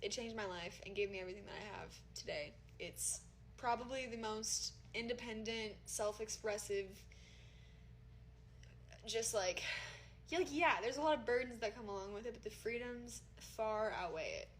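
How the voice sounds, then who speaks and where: Indoors in her room, a twenty-something DJ and social media creator chats casually with viewers on a phone livestream, rambling on and swearing without restraint. She has a fairly high voice and speaks at a moderate pace, with a little hiss or hum in the audio.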